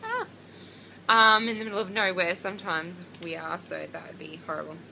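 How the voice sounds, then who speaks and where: A pregnancy vlogger in her 20s chats casually to camera in a loose, rambling way, full of ums and likes. Her low-pitched voice is bright with a gravelly fry, lively intonation, and normal speed. The recording is low quality, with a faint hiss of background noise.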